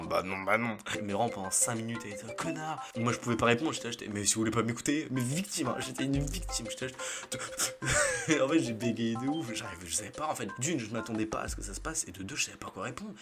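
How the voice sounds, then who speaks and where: A young man in the middle of his pitch range, recounting anecdotes to his viewers in loose street slang. He is chatty and easygoing and keeps breaking into laughter. Music plays clearly behind his voice. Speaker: YouTuber. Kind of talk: casual storytelling to camera.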